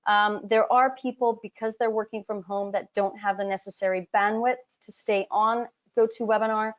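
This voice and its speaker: A woman from Hong Kong presents a live business webinar at a medium pitch for a woman, talking straight to her audience in a chatty way. Her sentences are full of ums and small restarts. The sound is dull and lo-fi, like a computer mic on a web call. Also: fairly even intonation, moderate pace. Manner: chatty, direct, addresses the audience often, frequent ums. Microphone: computer mic on a web call, camera off.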